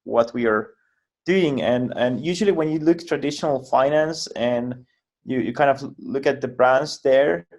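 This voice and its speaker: A man from Finland, a guest founder giving explanatory interview answers over a video call, halting and often repeating and restarting words. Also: mid-range voice, darkish tone.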